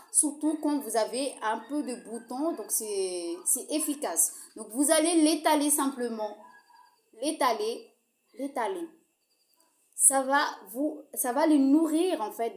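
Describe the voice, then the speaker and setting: A woman with a slightly raised voice walks viewers through a skincare routine in a casual, hesitant way, pausing on fillers. She speaks directly to the audience, and the sound has the ring of a bare, echoey room. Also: high-pitched, darkish tone. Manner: apologizes for her own accent. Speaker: skincare tutorial host. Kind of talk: casual how-to demonstration.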